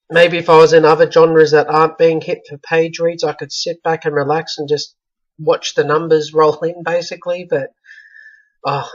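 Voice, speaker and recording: A man talking casually in a vlog update, rambling and correcting himself often. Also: fairly high pitch. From Australia. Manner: self-described monotone, rambling with frequent self-corrections. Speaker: author vlogging about his book launch. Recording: slightly dull lo-fi sound.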